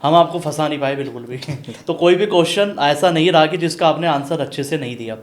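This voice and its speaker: A man hosting a business podcast, asking quick-fire questions and answering with short affirmations. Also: on the high side. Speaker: podcast host, business coach.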